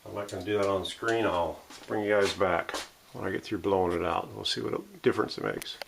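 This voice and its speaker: A vintage radio restorer, hosting a workshop video from home, gives casual step-by-step narration while working and muttering his thoughts. He speaks a little fast in a low, creaky voice with a steady tone, over background noise.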